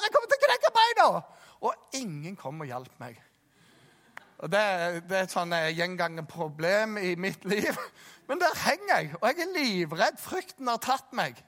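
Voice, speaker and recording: Animated Jæren preacher with a high, bright voice. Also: male voice. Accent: Jæren Norwegian. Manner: animated, acts out voices and shouts in stories. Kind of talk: sermon with storytelling. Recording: long reverb of a large hall.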